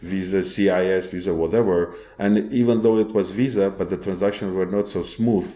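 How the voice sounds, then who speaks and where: A lower-pitched man, talking as a founder in an interview. His phrasing is halting and he often restarts his sentences. The sound is roomy and echoey. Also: steady tone, warm tone. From Armenia. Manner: halting non-native phrasing with many restarts. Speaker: startup founder guest. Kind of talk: podcast interview.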